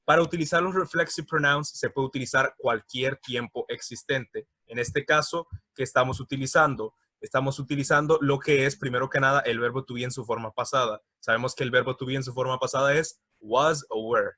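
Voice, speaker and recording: A man teaching an English grammar lesson from slides, explaining patiently, checking in often, and repeating words slowly for pronunciation. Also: mid-range voice, steady tone, bright, forceful tone, dry recording.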